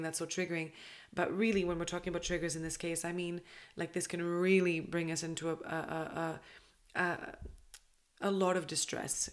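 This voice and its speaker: A woman hosting a podcast, explaining in a casual, rambling way with many fillers and restarts. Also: on the low side. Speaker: podcast host.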